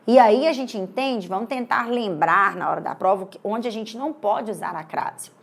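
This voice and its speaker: A woman's voice: medium pitch, moderate pace, vocal fry. A Brazilian woman teaching Portuguese for an exam in a chatty lecture, often checking in with her students. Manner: chatty, keeps asking "tá vendo?" and "né?".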